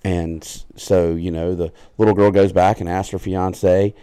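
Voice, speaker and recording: A man's voice: sits low, flat delivery, a little slow, dark tone, clear, resonant tone. A man with a Southern US accent co-hosting a casual podcast, swearing freely and telling a crude joke with rambling asides. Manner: crude, joking storyteller. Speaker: podcast co-host. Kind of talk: casual chat.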